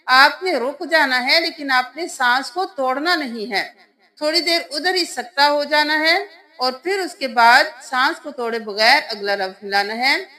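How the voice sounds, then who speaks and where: High-voiced woman teaching Quran reading. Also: sharp tone. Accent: Pakistani Urdu. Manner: patient step-by-step explaining, then slow drawn-out chanting of verses. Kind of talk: spelling-out recitation lesson.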